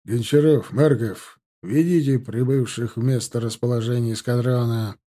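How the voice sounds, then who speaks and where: A man voicing a cavalry captain who complains in an aggrieved, drawn-out way in a storybook reading. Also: mid-range voice, fairly even intonation, dark tone, natural voice. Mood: commanding. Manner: whining, aggrieved.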